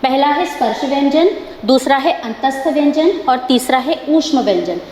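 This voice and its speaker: A woman teacher with an Indian accent, explaining a lesson slowly, drawing out sounds to show pronunciation and checking that the class understands. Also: sits high, lively intonation, darkish tone. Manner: mixes English words into her talk. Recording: echoey room with long reverb, faint hiss.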